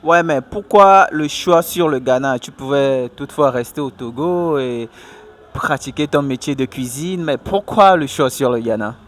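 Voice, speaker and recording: A man hosting a casual outdoor interview at a food stall, speaking in a lively, upbeat way. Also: mid-range voice, a little slow. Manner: lively and upbeat, laughs easily. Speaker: interviewer and show host.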